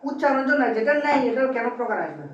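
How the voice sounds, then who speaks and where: A male teacher giving a classroom grammar lesson. He drills his students with call-and-response questions and is brisk, at times scolding. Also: extremely high pitch, sing-song. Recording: roomy, distant, dull lo-fi classroom recording.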